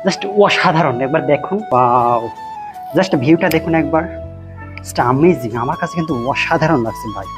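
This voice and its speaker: Excited man echoing inside a tunnel. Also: on the high side, normal speed. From Pabna, Bangladesh. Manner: enthusiastic, exclaiming. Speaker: travel vlogger. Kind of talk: excited travel vlog. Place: pedestrian tunnel under a rail line. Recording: dull lo-fi sound with faint music behind.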